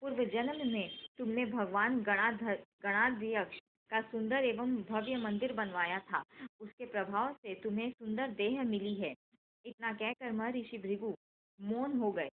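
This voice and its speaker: A woman in a steady, measured devotional scripture reading, with occasional self-corrections, over a tinny phone-like line. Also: fairly high pitch, a little hiss or hum. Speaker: scripture reader.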